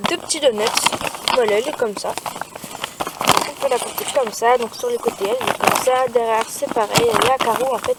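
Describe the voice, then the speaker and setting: Teenage girl, first-time vlogger, hesitant with lots of fillers, slightly high voice, heavy noise behind. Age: teens. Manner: hesitant, many fillers and restarts. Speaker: youtuber. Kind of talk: casual show-and-tell vlog. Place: in the boot of a car.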